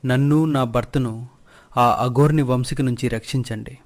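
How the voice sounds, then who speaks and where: A man's voice: medium pitch, steady tone, moderate pace, natural voice. A man voicing a wronged young wife in a narrated storybook, speaking in an earnest, pleading way.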